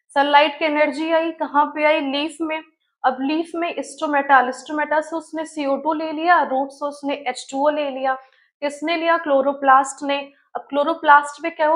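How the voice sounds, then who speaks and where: A biology teacher with a high-sitting voice leads an online study-tips class. She breaks each point into steps, brings in terminology, and keeps asking herself questions only to answer them.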